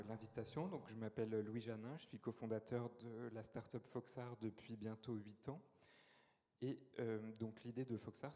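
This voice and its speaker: Man pitching in a conference hall. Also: warm tone. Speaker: startup founder pitching. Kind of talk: business pitch.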